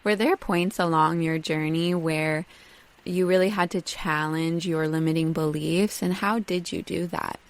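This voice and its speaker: A woman hosts a conversational interview, affirming her guest and posing questions. Her voice is low and gravelly. She speaks with little rise and fall in pitch. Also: steady tone, measured pace. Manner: affirming, with frequent murmured agreement. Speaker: podcast host.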